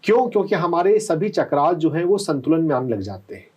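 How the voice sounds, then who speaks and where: A man working as a doctor, calmly explaining answers to callers on a live health call-in show and often checking with "है ना?". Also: a little high, fairly quick, breathy edge, poor audio. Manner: calm, explanatory, often asks "है ना?".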